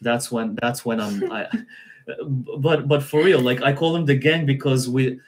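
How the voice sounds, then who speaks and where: A man talking casually in a live-stream conversation, relaxed, laughing often and repeating his phrases. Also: medium pitch, measured pace. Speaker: guest practitioner.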